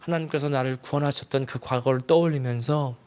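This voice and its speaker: A male pastor preaching a sermon with passion, pushing his voice up on emotional lines and dropping low for quiet personal stories. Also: fairly even intonation, fast, clean tone.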